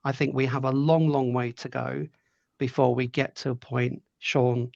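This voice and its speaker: A middle-aged man talks through his views in a measured, thoughtful way, often doubling back on words as he thinks. His voice has a gravelly edge. The sound is dry and a little dull, with no room around it. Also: mid-range voice, level tone, darkish tone, dry recording. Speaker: podcast guest. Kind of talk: conversational interview answers.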